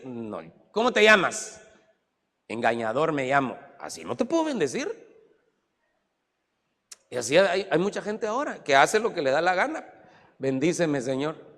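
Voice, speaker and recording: A man pastor preaches with animated swings between booming exclamations and hushed asides. His voice sits a little high and moves constantly in pitch. A long hall reverb trails behind every line. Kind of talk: sermon.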